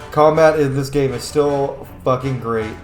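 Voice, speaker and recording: A gaming streamer talks casually and swears while playing a video game, his voice medium in pitch and his pace slow. The recording has a roomy echo, with the game's music playing behind him.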